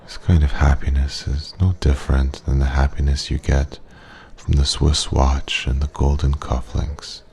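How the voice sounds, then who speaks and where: A man playing a wise, regretful old man at a pub, a soft-spoken old sage giving slow, gentle advice in an ASMR ASMR role-play. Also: very deep voice, little pitch movement, a little hiss or hum. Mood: wistful, regretful. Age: older.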